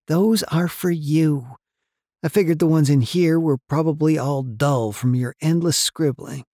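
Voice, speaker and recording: Fussy, talkative office lady, high and bright, voiced by a man, on a dry audiobook track. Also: measured pace, no room sound. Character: chatty motherly middle-aged office woman.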